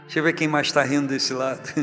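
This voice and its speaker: A man's voice: medium pitch, fairly even intonation, fairly quick, pushed and bright, big-room sound, faint music behind. A Brazilian man preaching as pastor, jovial and teasing as he calls church members up to the front. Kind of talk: sermon. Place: large church hall, music underneath.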